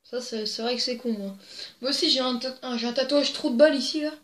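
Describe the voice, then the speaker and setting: Talking fast in a high voice, the young female host of a joke video reads jokes to the camera. Her manner is casual, giggly and rambling, with crude asides, and she uses a plugged-in desk mic in a room full of echo.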